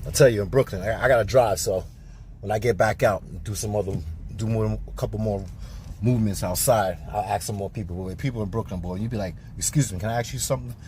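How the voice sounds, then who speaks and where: Here a fast-talking man with a lowish, darker voice does street interviews, shot handheld on his phone as he moves between city sidewalks and a car. His chatty slang fits the casual vox pop style, with a bit of noise behind him.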